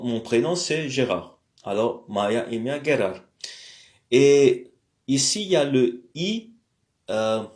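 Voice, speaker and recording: A man talks through an alphabet lesson at a very slow pace. He hesitates often and fills gaps with fillers. He repeats example words carefully so the listener can hear how they sound. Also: medium pitch, a little mellow. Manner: hesitant, many fillers and self-corrections; repeats words slowly for pronunciation. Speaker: language teacher.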